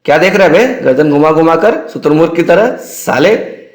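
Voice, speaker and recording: A man voicing a gruff, bullying male senior student who talks roughly and taunts. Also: a little high, moderate pace, pitched above the performer's own voice, lightly acted. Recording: roomy echo.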